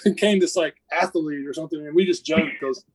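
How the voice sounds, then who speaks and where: Here the Appalachian-accented man from the United States sounds husky and fairly high, speaking a little fast on a low-quality recording. He's a podcast guest spinning casual, rambling mission-trip stories, often stopping to correct himself.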